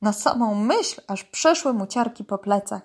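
A woman narrating a children's animal story, reading aloud gently. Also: medium pitch, lively intonation, a little slow.

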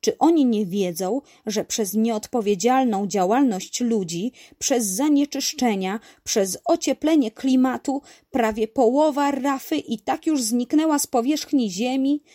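Woman doing a brave hearty uncle, loud and slow, kids story. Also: medium pitch, sing-song. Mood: indignant. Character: brave, cheerful uncle leading a diving crew.

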